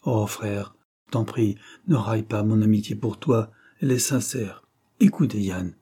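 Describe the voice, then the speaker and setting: A man voicing a gentle, self-sacrificing young peasant in an audiobook, speaking earnestly and pleading. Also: fairly low pitch, unhurried, slightly rough. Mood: pleading, sorrowful.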